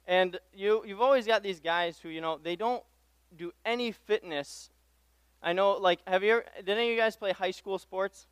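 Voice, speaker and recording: Preaching as a guest from a church pulpit, a young Tanzanian pastoral intern uses a high voice at normal speed. The tone is clean with no echo. His conversational sermon is easygoing and self-deprecating, marked by repeated phrases.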